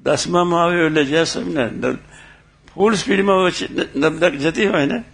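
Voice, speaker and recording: His voice sits on the high side, gravelly with a breathy edge, at normal speed. The man is a religious speaker giving a storytelling sermon, recounting personal anecdotes with quoted dialogue and questioning his audience.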